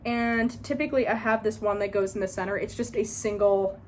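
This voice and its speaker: A woman's voice: mid-range voice, steady tone, a little fast, a little mellow, a little hiss or hum. A woman in her twenties, chatting casually through a skincare tutorial, rambling a little with fillers and small laughs. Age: 20s. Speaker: beauty vlogger.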